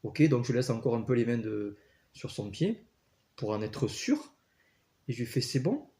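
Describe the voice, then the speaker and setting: Hesitant man with a mellow voice. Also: medium pitch, moderate pace. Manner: hesitant, many fillers and restarts; earnest, storytelling. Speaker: guest telling personal healing stories. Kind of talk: casual spoken testimony.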